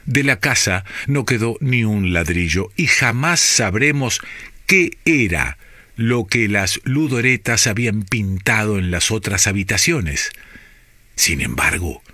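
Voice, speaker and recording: A man with an Argentine accent, reading a scripted story for radio in a measured, deliberate way with dramatic pauses. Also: mid-range voice, pushed and bright, no echo, studio quality. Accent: Argentine Spanish.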